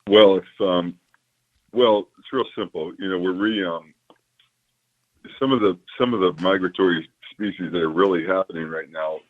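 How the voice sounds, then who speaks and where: A man with a very low voice chats easily as a call-in fishing guest. His voice comes through a thin, crackly phone line that keeps fading in and out. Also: fairly even intonation, normal speed. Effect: crackly phone line that fades in and out. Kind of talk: casual radio chat.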